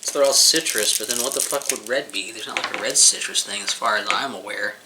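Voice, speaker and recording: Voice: mid-range voice, fairly quick, noisy background. A person giving a casual, rambling taste-test review, talking informally and swearing freely while eating.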